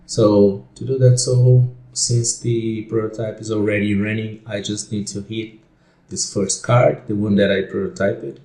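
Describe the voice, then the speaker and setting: A Portuguese-speaking man walks through a design program on a screen share, easygoing and musing aloud, dropping fillers and fixing his own slips. His slow, deep voice is dark and gravelly, and the room adds a clear echo.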